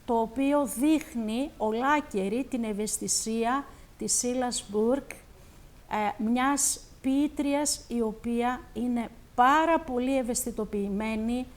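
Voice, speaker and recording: A woman TV host with a Greek accent, interviewing a poet and reciting poetry, speaking in an emphatic, effusive way. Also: on the high side. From Greece. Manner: warm, emphatic, switches between Greek and English.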